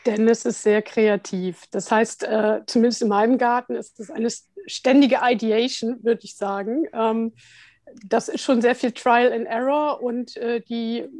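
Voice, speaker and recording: A woman guest talks through her answers in a relaxed, chatty way, pausing often and laughing lightly. Her voice sits a little high for a woman and is recorded dry and close. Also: dry recording. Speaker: guest, head of continuing education at a central bank. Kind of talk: relaxed conversational interview answers.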